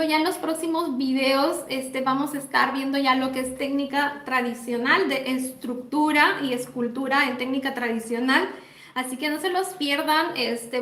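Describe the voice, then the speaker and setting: High-voiced Mexican woman in a roomy space. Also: sharp tone. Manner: chatty, affectionate, greets viewers by name. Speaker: nail technician instructor. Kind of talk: live-stream lesson and Q&A. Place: indoor home workspace.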